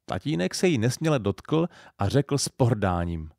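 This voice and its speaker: A man with a Silesian accent reading an audiobook in an expressive storytelling style. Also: mid-range voice, gravelly, no echo, studio quality. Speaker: audiobook narrator. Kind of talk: scripted narration.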